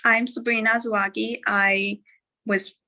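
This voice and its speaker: A woman's voice: medium pitch, level tone, slow pace, pushed and bright, low-quality recording. A young woman from Algeria, a guest speaker talking casually and a little hesitantly on a live stream, with many fillers and restarts.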